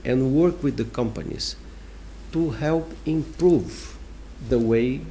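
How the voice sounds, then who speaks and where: A man with a Brazilian accent answering interview questions as a diplomat, explaining deliberately and emphatically with pauses. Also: mid-range voice, dark tone, slight background noise. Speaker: ambassador giving an interview.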